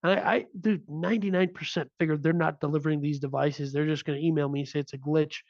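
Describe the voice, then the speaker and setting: A man's voice: fairly high pitch, fairly even intonation, quick pace, darkish tone, dry recording, highs cut off. A man in his thirties co-hosting a podcast, telling a story casually with lots of restarts. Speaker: podcast co-host. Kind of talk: casual chat.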